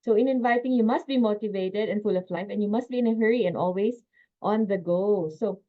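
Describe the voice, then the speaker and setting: A woman gives a sales training lecture over a video call, energetic and emphatic, with quick laughs between her points. The call audio is a little dull and muffled. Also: mid-range voice.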